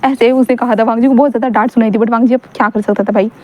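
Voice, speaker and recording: A woman's voice: on the high side, fairly even intonation, very fast, a little mellow. Chatty young woman telling a story. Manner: chatty, rambling, self-correcting. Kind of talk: casual story narration.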